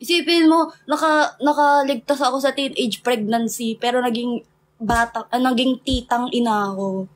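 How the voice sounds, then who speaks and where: A woman's voice: fairly high pitch, moderate pace, a little hiss or hum. A young woman with a Filipino accent, chatting casually with viewers on a livestream, laughing often and mixing English in. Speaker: livestream host.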